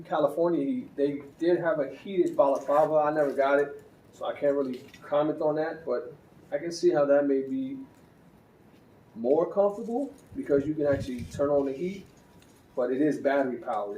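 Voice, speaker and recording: A motorcycle vlogger gives a casual, conversational gear review, with easygoing fillers and restarts. His voice is medium-pitched with a dark tone, recorded from a distance in a roomy space with faint ambience, a bit off the mic.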